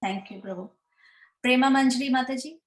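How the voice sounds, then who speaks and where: High-voiced woman moderating a call. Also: brisk, echoey room. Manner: brief and polite. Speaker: meeting moderator. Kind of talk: calling on participants by name. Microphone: video call.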